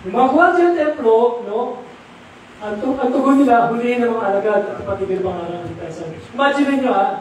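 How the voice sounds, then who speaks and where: A man's voice: very high-pitched, expressive, fast, darkish tone. A middle-aged or older man preaching a sermon, mixing English into his talk and asking the audience questions. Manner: mixes English into Tagalog, asks the audience rhetorical questions. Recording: echoey room from far off, faint noise.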